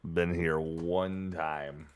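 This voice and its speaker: A man's voice: low voice, fairly even intonation, drawn-out words, smooth. A man streaming a game live, talking to himself and to chat, easily annoyed and swearing often. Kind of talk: live gameplay commentary.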